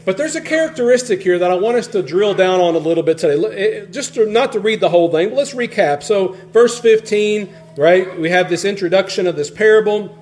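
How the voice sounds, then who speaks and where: A man preaching a sermon in a conversational, animated way, often restarting phrases and swinging between loud and soft. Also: sits high, brisk, hardly any pauses. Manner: conversational, animated, frequent restarts, varies loudness widely.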